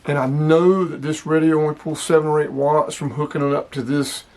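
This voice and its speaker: A hobbyist vlogger talks through a product demonstration in a voice a little higher than average and slightly mellow. He speaks a bit fast with fairly even intonation, keeping things casual, plainspoken and explanatory.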